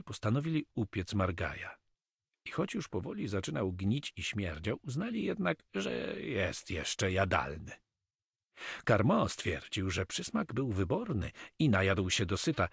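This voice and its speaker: A man narrating an adventure audiobook in a steady, measured way. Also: on the low side, slightly rough, no room sound, studio quality. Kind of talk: scripted narration.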